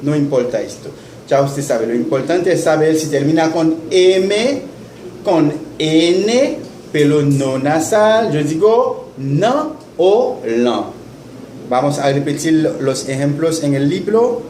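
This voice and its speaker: A man teaching in a classroom, slowly repeating words for students to echo. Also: fairly high pitch, lively intonation, dark tone. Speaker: Haitian Creole teacher. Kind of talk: classroom lesson. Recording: echoey classroom with faint noise.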